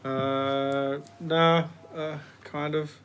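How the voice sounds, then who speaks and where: A man joining a casual podcast chat, giving slow, offhand, mumbled replies. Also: on the high side, level tone, fairly bright tone, a little hiss or hum.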